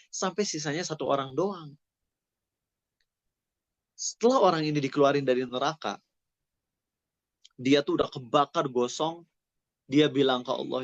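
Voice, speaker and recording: A male preacher delivers a relaxed, conversational sermon, addressing his listeners as friends and dropping in English phrases. His voice sits somewhat high. The recording is dry and dull, with a lo-fi edge. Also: no room sound. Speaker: Islamic preacher (ustaz). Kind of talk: casual sermon to a student audience.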